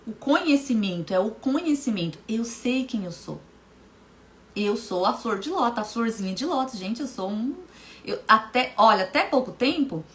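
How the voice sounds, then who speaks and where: Emphatic woman, fairly high voice. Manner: emphatic and animated, repeats key phrases; addresses viewers directly by name. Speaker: hypnotherapist hosting a live stream. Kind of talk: casual motivational live talk.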